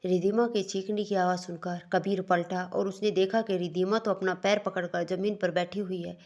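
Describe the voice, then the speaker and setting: A woman's voice: fairly low pitch, level tone, normal speed, a little mellow. A woman narrating a romance story, reading every part herself with small slips and restarts.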